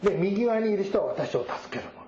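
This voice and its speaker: A male pastor preaching a sermon, reading scripture verses and explaining them at a measured pace. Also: high-pitched, lively intonation, mellow, a little hiss or hum. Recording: roomy echo, dull sound.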